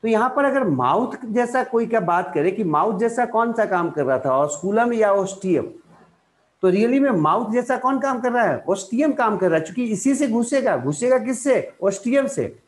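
An Indian man teaches a biology lesson in a fairly high voice. He keeps asking the class questions and then answers them himself, padding his explanation with fillers and restarts. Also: expressive, moderate pace. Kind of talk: explanatory lecture in Hindi.

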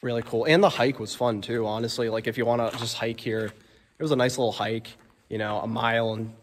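A man's voice: medium pitch, steady tone, fairly quick, slight background noise. A young man exploring an abandoned quarry cave, chatting to his phone camera with lots of fillers and amazement. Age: young adult. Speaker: explorer vlogger. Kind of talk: casual exploring vlog. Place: abandoned stone quarry cavern. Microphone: phone held at arm's length. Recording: long cavern reverb.

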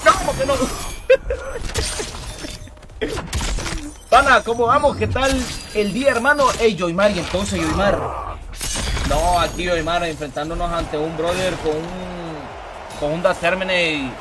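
A young man streaming a fighting game live, hyping his plays and greeting viewers by name in an excitable, slangy way. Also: high voice, normal speed, background noise. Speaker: livestream gamer. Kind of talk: live gameplay commentary. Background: game music.

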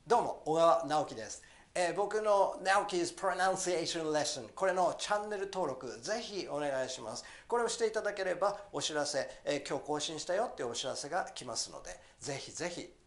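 Lively pronunciation teacher, a man. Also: a little high. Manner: lively, switching between slow, careful English and quick, chatty Japanese. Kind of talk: pronunciation lesson.

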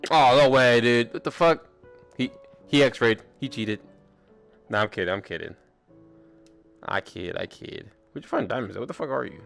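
A young man streaming a game with friends, chatting casually, swearing a lot and breaking into excited shouts. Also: mid-range voice, normal speed, creaky, long pauses, faint music behind. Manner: excitable, profane, bursts into shouts. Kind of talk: casual gaming commentary.

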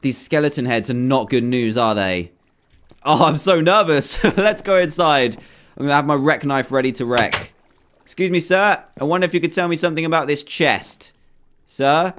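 A young man giving animated, excitable commentary while playing a video game. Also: mid-range voice, clear, resonant tone. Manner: excitable, animated, jumpy exclamations. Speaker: gaming video host.

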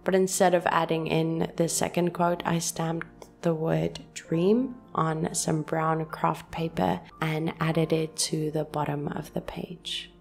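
A woman calmly narrating a scripted voice-over for her journaling video in a soft, gentle, unhurried way. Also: deep voice, gravelly. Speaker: journaling channel host. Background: soft background music.

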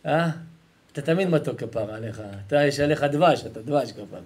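A man's voice: mid-range voice, animated, darkish tone. A male rabbi preaching a Torah lesson to a live audience, emphatic and repetitive, colloquial and affectionate with the crowd. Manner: repetitive, emphatic, keeps calling the audience to listen.

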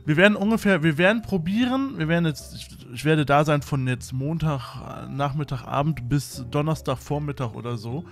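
A man's voice: fairly high pitch, moderate pace, creaky, hardly any pauses. A man chatting in a casual vlog at home, playful and rambling with lots of fillers. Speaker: YouTuber. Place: room at home with a fan.

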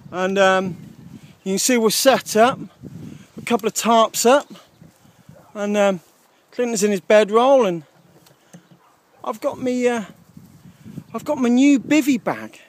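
A man's voice: sits high, a little slow, long pauses. A man in his thirties chatting casually to a handheld camera outdoors by a lake. He is upbeat and rambling, with frequent ums. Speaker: outdoor vlogger. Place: outdoors by a lake at a wild camp. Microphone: handheld camera at arm's length.

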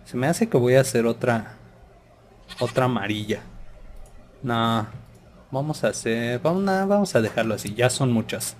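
A man's voice: medium pitch, moderate pace, long pauses, a little hiss or hum. Playful man narrating his gameplay. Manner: playful, hums and babbles sound effects. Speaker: gaming channel host. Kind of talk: Minecraft let's play commentary.

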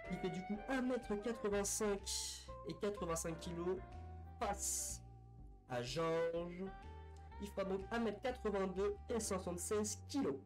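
A man's voice: high voice, a little mellow, low-quality recording. A man telling a sports history story in a casual, unscripted way, with a lot of fillers and restarts. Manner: hesitant, full of fillers and restarts. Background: faint music.

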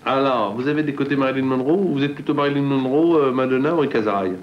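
A middle-aged man with a medium-pitched voice interviews a guest casually. He probes and teases as host. The recording is dull, with some noise. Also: quick pace. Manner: teasing, probing. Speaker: talk-show host, interviewer. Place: TV studio at a table. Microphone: table microphone. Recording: dull, noisy old TV tape.

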